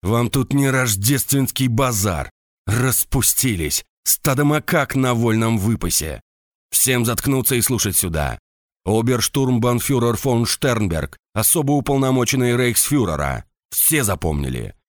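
A man voicing a hoarse, bullying drill sergeant who barks crude insults and commands at his soldiers in an audiobook. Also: medium pitch, expressive, measured pace, dry recording, studio quality, lightly acted. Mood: barking, scolding. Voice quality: hoarse barking shouts.

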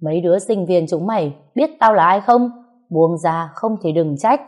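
A woman's voice: on the low side, normal speed, dark tone, close to an everyday voice. A woman voicing a scheming, coarse brother-in-law who taunts and mocks. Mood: snarling. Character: scheming loud-mouthed male brother-in-law, middle-aged.

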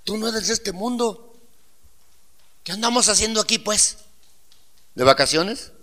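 A man preaching a sermon as pastor, swinging from loud emphatic declarations to quiet asides and putting rhetorical questions to the congregation. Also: high-pitched, animated, a little slow.

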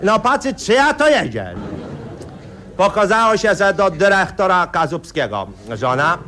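A man spins a satirical tale in a rambling, folksy way. His voice sits high, and his talk is thick with fillers. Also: very animated, measured pace, sharp tone, slight background noise. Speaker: comic storyteller. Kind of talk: satirical radio monologue.

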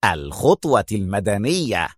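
A man voicing a stern young male team leader in an audiobook, speaking in a firm, measured way. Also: on the low side, sing-song, breathy edge, no room sound, studio quality, voice pushed down.

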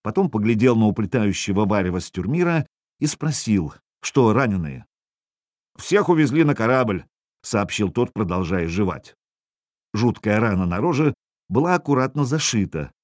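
A man reading a first-person audiobook in a wry, expressive way, voicing the dialogue as he goes. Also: on the low side, moderate pace, no echo, clean studio sound. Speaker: audiobook narrator.

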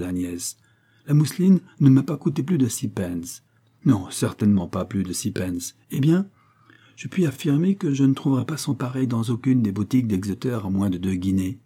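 A man reading aloud voices a vain, pompous middle-aged widow who scolds her niece haughtily, with sudden rises in pitch. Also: warm tone, husky.

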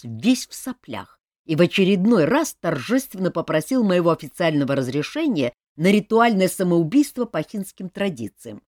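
Woman narrator voicing a despairing male king, tearful and broken; low, swinging delivery; dry read. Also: a little mellow, no room sound. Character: grieving middle-aged male king, despairing. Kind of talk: audiobook character reading.

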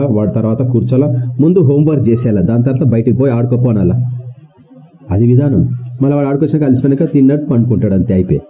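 A man's voice: medium pitch, mellow, dull audio. A man preaching a sermon to his congregation, firing rhetorical questions at them and repeating key words for emphasis. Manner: colloquial, mixes in English words.

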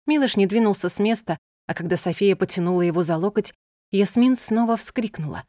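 A woman's voice: medium pitch, brisk, mellow, no echo. Woman narrating a novel, dry close sound. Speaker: audiobook narrator.

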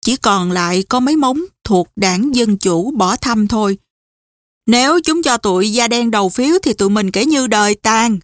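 A woman reading a brash young man on the run who talks fast and swears often, in an audiobook. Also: a little high, expressive, no room sound, clean studio sound, lightly acted. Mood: bitter. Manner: rough, swearing, hurried.

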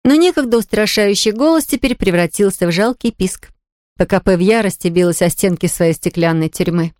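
A woman narrating a children's story aloud in a lively, expressive reading. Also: medium pitch, brisk, no room sound, clean studio sound. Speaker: audiobook reader.

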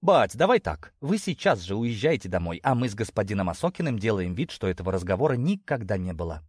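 A man voicing a fed-up, sharp-tongued young female sheep who snaps and gets exasperated. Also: fairly low pitch, sing-song, quick pace, slightly rough, no echo, studio quality. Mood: pleading. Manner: exasperated, snapping.

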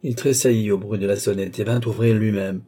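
A man narrating a classic novel in a steady literary reading. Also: lowish voice, brisk, slightly rough. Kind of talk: audiobook reading.

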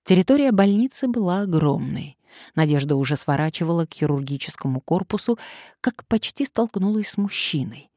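Low-voiced woman audiobook narrator. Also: lively intonation, fairly quick, dark tone, no room sound, clean studio sound. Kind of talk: scripted narration.

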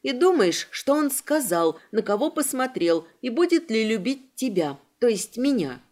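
A woman's voice: fairly high pitch, sing-song, moderate pace, a little mellow. A woman reading voicing a frightened, weeping young woman who pleads and sobs. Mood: fearful. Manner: sobbing, pleading, breathless fear.

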